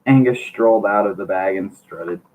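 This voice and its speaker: A man's voice: on the low side, normal speed, darkish tone. A man casually reading a teen diary novel aloud, now and then stumbling over words and laughing. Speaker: reader. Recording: tinny phone-like lo-fi recording.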